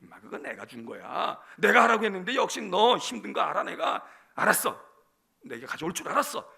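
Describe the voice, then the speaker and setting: A man, a preacher, voicing God as a gruff, fond fatherly figure who talks bluntly and teasingly to a believer. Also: on the low side, expressive, moderate pace, pushed and bright, voice pushed down, full character voice. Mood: reassuring. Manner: blunt, familiar, scolding with affection.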